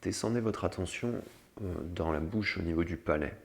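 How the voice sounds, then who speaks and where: A man with a gravelly, creaky voice giving step-by-step instruction as a guide for a breathing meditation. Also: low voice, normal speed.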